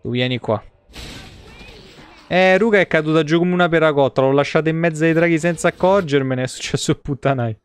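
A man in his thirties with an Italian accent gives casual live gameplay commentary as a streamer, dropping the occasional swear word, in a small indoor room. His voice is fairly high, smooth and fairly quick.

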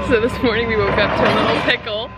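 A woman's voice: a little high, very noisy. A young woman chatting casually in a vlog, giggling often between lines. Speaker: vlogger.

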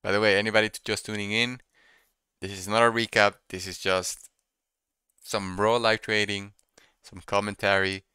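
A young man doing casual live trading commentary, thinking out loud and repeating his phrases as he muses. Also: lowish voice, flat delivery, moderate pace, clear, resonant tone, dry recording. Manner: repeats phrases while musing to himself. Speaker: day trader streaming live. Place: small room indoors at a computer desk.

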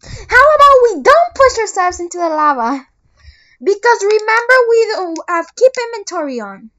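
Excitable gamer, squeaky high voice, casual co-op commentary, muffled low-quality mic. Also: moderate pace. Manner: excitable, calls out to teammates. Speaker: gamer playing with friends. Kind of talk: casual let's-play commentary.

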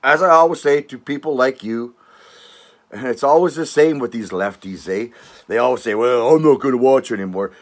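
On his own channel, an older man from Canada speaks at medium pitch, ranting at viewers with mocking, sarcastic contempt. The talk rambles with restarts and tag questions like "eh" and "all right."

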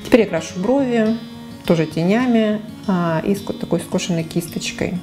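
Over music, a woman with a medium-pitched voice speaks at a normal speed. She's a beauty vlogger in her forties, sitting in a small living room with a lapel mic, chatting frankly and casually to camera about her makeup with lots of fillers and self-corrections.

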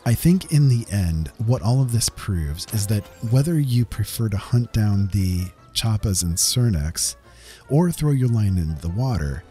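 A man hosts a gaming video as a voice-over on game footage, reading a script in a casual, conversational way with emphatic touches. His voice is fairly low and mellow, with lively intonation and a measured pace. Faint music plays in the background.

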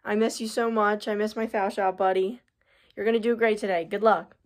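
A woman recording a warm, playful good-luck message for a friend. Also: medium pitch, level tone, brisk. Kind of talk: heartfelt recorded video message.

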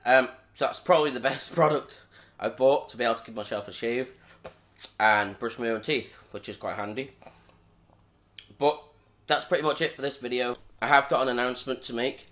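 A man's voice: medium pitch, moderate pace. A young man, talking casually and rambling a little as he vlogs from home. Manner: relaxed, rambling, with fillers and restarts. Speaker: vlogger. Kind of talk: casual vlog chat.

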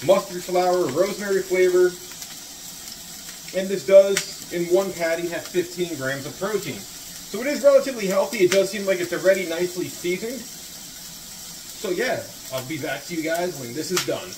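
A home cooking vlogger in his thirties talks to a fixed camera across the counter in his echoey kitchen, with noise in the background. His voice is high and animated at a moderate pace as he cooks, taste-tests, and rambles in a self-deprecating way.

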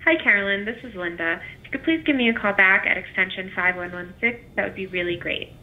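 This is a woman's recorded voicemail, played back through a telephone. The sound is thin and narrow, squeezed into the phone line. She keeps it short and polite, a quick request from a caller. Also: medium pitch. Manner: polite and brief. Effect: recorded voicemail message played back over a phone. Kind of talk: leaving a voicemail.

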